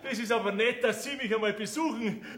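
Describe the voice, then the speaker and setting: An actor playing an anxious, fretful gentleman who turns overly polite with guests. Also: high-pitched, brisk. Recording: echoey stage with loud audience.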